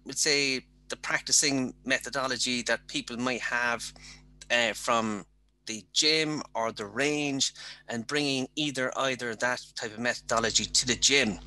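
A middle-aged host asks his guest a long question, stopping and restarting as he goes. His voice is very bright and sharp. He is heard through a headset on a video call from an office. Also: mid-range voice, steady tone, measured pace. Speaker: golf coach host.

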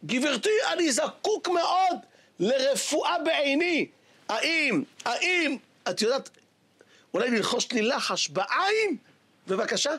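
A preacher playing a humble, revered old male sage who speaks slowly and softly. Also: very high-pitched, big pitch swings, pitched above the performer's own voice, full character voice. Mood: gentle pleading.

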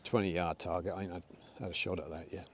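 A camera, first on a tripod and then handheld, catches a middle-aged English man in a windy field. He shoots an air rifle and talks to his dogs in casual chat, his low voice quick and fairly even in intonation.

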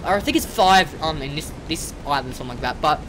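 A host giving let's-play game commentary, excitable, scolding and coaxing the animals on screen, recorded at a desk mic. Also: medium pitch, fast, a little hiss or hum. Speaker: gaming channel host. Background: game music.

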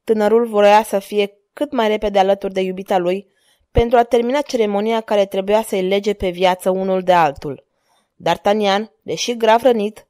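A woman with a Romanian accent narrating an adventure novel in a measured, dramatic way. Her voice is mellow and warm, recorded dry and close to the mic, with no room sound. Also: medium pitch, dry recording. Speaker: audiobook narrator. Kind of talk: scripted narration.

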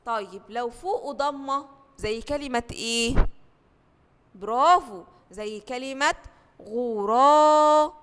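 A woman teacher with an Egyptian accent gives a lesson to first graders, asking questions, answering them herself and drawing out each model word slowly. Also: a little high, a bit bright, clear, resonant tone, long reverb tail. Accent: Egyptian Arabic. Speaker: primary school teacher.

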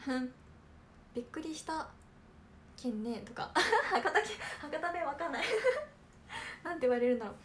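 A young woman from Kanagawa chats on a livestream, answering viewer comments in a polite, soft-spoken way with plenty of little fillers. Her voice sits high and light, and a faint hiss of background noise runs underneath. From Kanagawa, Japan. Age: young adult. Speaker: idol trainee hosting a livestream. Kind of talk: casual livestream chat reading comments.

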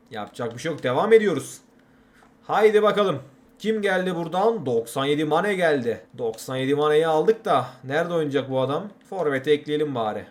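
A young man hosting a gaming channel, giving chatty, exasperated commentary while playing a football game. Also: on the high side. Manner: exasperated, chatty, keeps repeating catchphrases.

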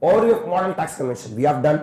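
A man with a South Indian Tamil accent lectures a class at a very rapid clip, his pitch swinging in a lively way. He sounds like an exhorting coach, recorded in a roomy, echoing space. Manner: exhortatory, with repeated "sir" and stock addresses to students. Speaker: tax exam coaching teacher. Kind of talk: animated classroom lecture, switching between languages.

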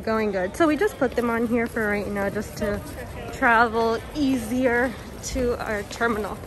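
A little slow and on the high side, a woman's voice narrates a casual travel vlog shot on a handheld phone. She fills her chatter with fillers and coos at her cats while passing through an airport and rental car, and the in-transit recording is noisy.

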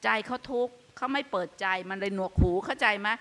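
An older woman hosting a radio show, giving earnest, animated Buddhist advice in a meditation hall. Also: mid-range voice, fast. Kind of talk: dharma talk on live radio. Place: meditation hall with a live audience.

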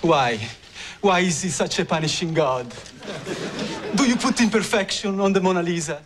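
A man plays a vain and excitable Italian office assistant in a sitcom, pouring out melodramatic laments in a high, accented voice. He sounds theatrical and self-adoring. The old TV soundtrack has steady background noise. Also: normal speed, close to an everyday voice. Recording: noisy 1990s TV sitcom soundtrack.

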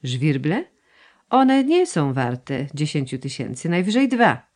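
Woman narrator doing a terse young landowner, clipped and cool, lively reading overall. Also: deep voice, takes it slowly, full character voice. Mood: curt. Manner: curt, flat and unmoved. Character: terse, cold landowner son, young man. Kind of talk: audiobook dialogue reading.

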